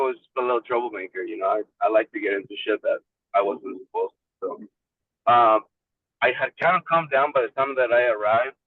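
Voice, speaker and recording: Driving while on a car speakerphone call, a Mexican man in a support group shares his story loosely and candidly, a casual personal account. The tinny phone line picks up his mid-range voice from a distant in-car mic, with no echo.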